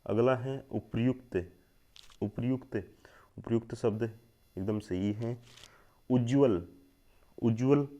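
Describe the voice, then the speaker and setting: A young Hindi grammar teacher speaks in a warm, medium-pitched voice, captured with lo-fi sound. His exam spelling lesson moves word by word, each word repeated several times, with frequent "thik hai doston" check-ins to listeners.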